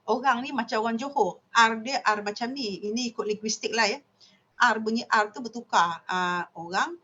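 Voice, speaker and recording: A woman of around sixty with a Malaysian Malay accent, giving an academic seminar lecture on dialects and explaining patiently with many drawn-out "ah" fillers while imitating speech sounds. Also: a little high, pushed and bright. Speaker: linguistics lecturer. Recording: dull lo-fi recording.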